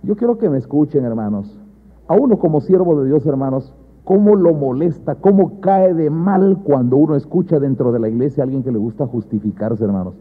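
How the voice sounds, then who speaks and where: Husky high-voiced pastor preaching. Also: male voice, expressive, brisk. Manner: swings from loud emphatic bursts to low quiet asides; keeps addressing the church as brothers. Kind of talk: sermon. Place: church. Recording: thin phone-like sound.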